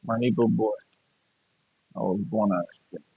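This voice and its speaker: Gravelly low-voiced Nigerian man. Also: fairly even intonation, a little slow, slight background noise. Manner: blunt, profane, repeats himself. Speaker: gaming streamer. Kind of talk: casual ranting chat. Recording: dull lo-fi dry sound.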